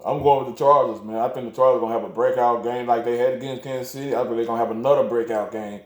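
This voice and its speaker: A man's voice: mid-range voice, steady tone, rapid-fire. A man co-hosting a casual sports chat, easygoing and often laughing at his own picks. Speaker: co-host making game picks. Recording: echoey room.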